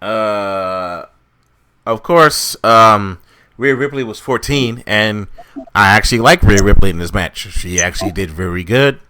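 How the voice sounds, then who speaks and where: A man's voice: on the low side, normal speed, pushed and bright, no echo. A man co-hosting a podcast in casual chat, rambling and swearing freely. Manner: profane, rambling, laid-back. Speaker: podcast co-host.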